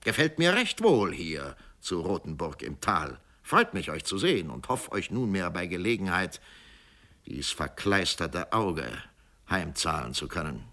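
A man's voice: low-pitched, sing-song, measured pace, pushed and bright, exaggerated voice. A man voicing a mocking, mock-polite older executioner who taunts his old enemy in a storybook reading. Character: sneering mocking male town executioner, older. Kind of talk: audiobook character voice.

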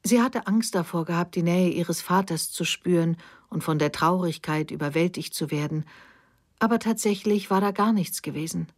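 Eine Frau liest ruhig und gemessen einen Roman als Hörbuch. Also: female voice, lowish voice, no echo, studio quality. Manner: calm, measured storytelling. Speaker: audiobook reader. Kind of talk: literary audiobook narration.

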